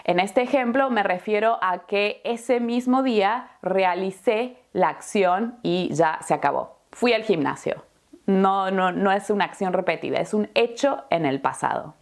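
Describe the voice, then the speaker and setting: A woman's voice: medium pitch, animated, a little slow. A woman teaching grammar in a patient, explanatory lesson, checking in with "¿sí?" and "¿no?" as she goes. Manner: patient, adds checking tags like "¿sí?" and "¿no?". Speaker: Spanish teacher. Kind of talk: slow, clear explanatory lesson.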